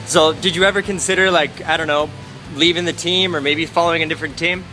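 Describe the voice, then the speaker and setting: A high-pitched man runs a street interview on a phone camera, firing off quick, upbeat questions. He stands on an open plaza outside an arena, and loud music plays behind him. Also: fairly even intonation, low-quality recording. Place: outdoor plaza by an arena at night. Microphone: handheld phone camera. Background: loud music playing.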